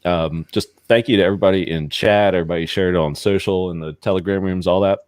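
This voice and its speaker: Deep-voiced man hosting trivia. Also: steady tone, quick pace, darkish tone, no echo. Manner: upbeat quiz-master, laughs often. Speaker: host running trivia. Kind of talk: casual live-stream chat.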